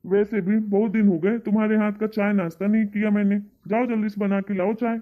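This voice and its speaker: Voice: medium pitch, brisk, natural voice. A performer doing a patient, placating husband. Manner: calm, placating, then fed-up. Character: patient middle-aged husband and father, placating. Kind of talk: scripted family comedy sketch. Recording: tinny phone-like audio.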